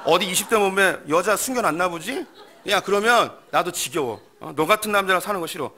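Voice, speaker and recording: A furious wife shrieks at her husband in a domestic quarrel skit, acted out by a man. The voice is pushed high and loud, and it comes out bright and piercing. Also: animated, a little fast, a little hiss or hum. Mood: shrieking. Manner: loud, shrill and nagging.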